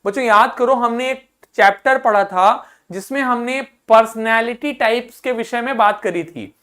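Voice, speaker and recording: Speaking at a moderate pace, this woman has a higher-than-average, fairly bright voice and an Indian accent. She's teaching English vocabulary, saying each word again and again for pronunciation practice. She also poses questions to the students and then supplies the answers herself.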